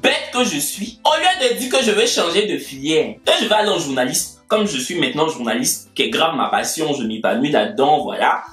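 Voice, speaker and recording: Young male storyteller, very animated delivery, roomy distant sound. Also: fairly quick, hardly any pauses. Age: young adult. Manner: animated, acts out dialogue with big pitch jumps. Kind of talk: casual personal storytelling. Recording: echoey room, mic at a distance, faint music.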